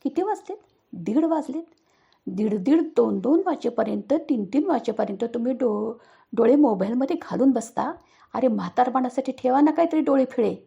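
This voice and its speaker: A woman voicing a stern, fed-up middle-aged mother who nags loudly in a storybook tale. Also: expressive, normal speed, gravelly, husky, dull audio, full character voice. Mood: scolding. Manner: shrill, loud, nagging.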